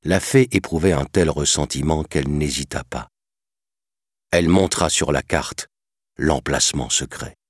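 A man narrating a children's storybook in an expressive, measured way. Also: a bass voice, husky, no room sound, clean studio sound. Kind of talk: storybook reading.

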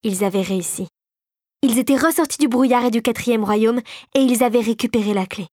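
A woman narrating an audiobook for children, steady and clear. Her voice sits a little high, and the recording is dry and close. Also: brisk, no echo.

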